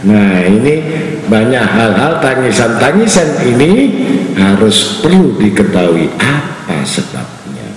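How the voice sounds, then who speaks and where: Slow-talking preacher man in echoey hall. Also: a little mellow. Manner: humorous, acts out crying worshippers in high voices. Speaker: religious teacher. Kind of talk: Quran commentary sermon. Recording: echoey hall, faint noise.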